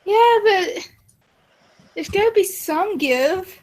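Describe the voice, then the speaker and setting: A young woman at a tabletop game with a high voice and an unhurried delivery. She asks questions and counts her dice aloud. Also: expressive, a little mellow, low-quality recording. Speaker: player. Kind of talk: casual tabletop play.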